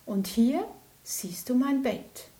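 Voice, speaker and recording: A high, bright little bear cub from a bedtime storybook, eager and playful, pleading to get its way, as a woman reader puts it on. The voice sits well above the reader's own and moves in a slow, drawn-out way. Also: animated. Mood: proud.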